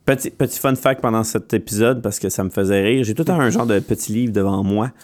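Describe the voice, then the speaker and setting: A man's voice: on the low side, quick pace. A man with a Quebec French accent, co-hosting a podcast in casual chat, telling stories with lots of restarts. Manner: animated storyteller, stammering restarts. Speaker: podcast co-host.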